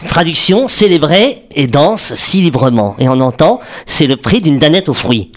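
A man's voice: fairly high pitch, big pitch swings, normal speed. A man giving a playful radio segment, joking and laughing often as he explains. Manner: jokey, laughs often, explains with mock accents. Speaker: radio columnist.

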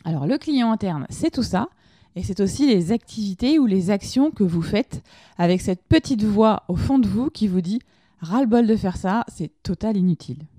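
A woman's voice: mid-range voice, lively intonation, normal speed, mellow, no echo, studio quality. A woman hosting an informal lesson, explaining ideas conversationally and asking her listeners direct questions. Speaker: podcast host teaching lean management.

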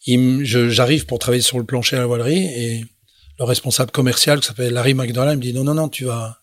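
Middle-aged French sailor guest, halting and rambling, dry studio mic. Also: male voice, medium pitch, fairly even intonation, dry recording. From France. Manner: rambling, many fillers and restarts. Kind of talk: casual interview storytelling.

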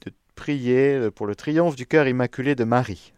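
A man, a priest, hosting a radio call-in show, praying aloud for callers in a measured, gentle way and chuckling warmly with them. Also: mid-range voice, clear, resonant tone, no room sound. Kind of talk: radio call-in with spoken prayers.

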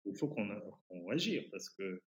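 A man speaking French with a foreign, English-influenced accent, giving an impassioned interview in an emphatic but halting way, searching for words. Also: on the low side, very animated. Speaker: podcast guest, activist. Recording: roomy, echoing sound.

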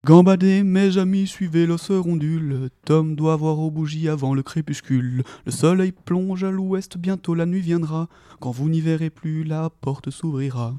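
A man voicing a jolly, boisterous old forest dweller who talks in a hearty, booming, sing-song way. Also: moderate pace, darkish tone, no echo, studio quality, natural voice.

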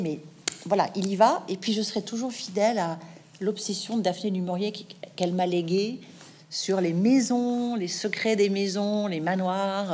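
A middle-aged woman novelist answering interview questions in a thoughtful, measured way, with hesitant restarts. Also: mid-range voice, warm tone. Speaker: novelist guest.

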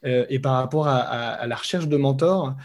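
A young man speaks spontaneously as an interviewed researcher, thinking aloud with frequent pauses and hesitations. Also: medium pitch. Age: young adult. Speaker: young researcher and podcast co-host, interview guest.

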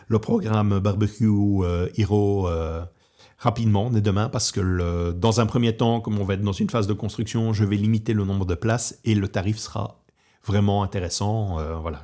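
Un homme originaire de Belgique qui parle de son projet de barbecue dans un podcast décontracté, avec beaucoup d'hésitations et de « euh ». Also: male voice, on the low side, dark tone. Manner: hesitant, many fillers and restarts. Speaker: podcast host and barbecue trainer. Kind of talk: casual podcast talk. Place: Portugal.

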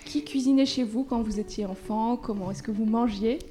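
A woman hosting a food podcast, reading her intro and asking interview questions in a measured, clearly articulated way. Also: on the high side, warm tone, faint music behind. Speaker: podcast host.

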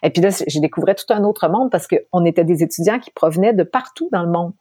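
A woman's voice: lowish voice, animated, fairly quick, warm tone, slightly rough, no echo, studio quality. A woman from Quebec with a Québécois French accent, a guest telling her story in a casual interview, laughing often and restarting her sentences.

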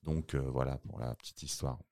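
Un homme, réalisateur invité, raconte son parcours dans une discussion détendue, avec beaucoup d'hésitations et d'argot. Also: male voice, extremely low pitch, steady tone, brisk, mellow. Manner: slangy, rambling with many fillers and restarts. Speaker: filmmaker guest. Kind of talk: casual interview chat.

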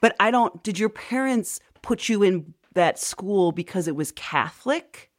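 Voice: mid-range voice, animated, a little slow. Podcast host chatting w guest, lots of mm-hmms, asks thoughtful follow ups. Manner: supportive, frequent affirming murmurs, reflective questions. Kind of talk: conversational interviewing.

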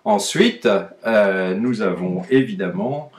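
A man co-hosting a podcast in a playful, theatrical way. He talks very slowly at a fairly low pitch, and a roomy echo hangs around his voice. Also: expressive, a little mellow.

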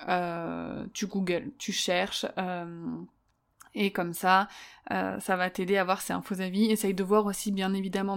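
A woman's voice: medium pitch, darkish tone. A woman hosting a solo podcast, giving advice in a chatty way with many fillers and restarts. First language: French. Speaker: podcast host.

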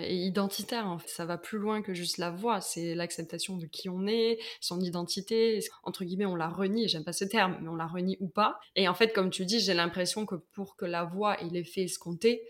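A woman hosting a podcast, asking her guest long questions with engaged enthusiasm and frequent fillers. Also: on the low side. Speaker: podcast host. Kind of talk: interview questions.

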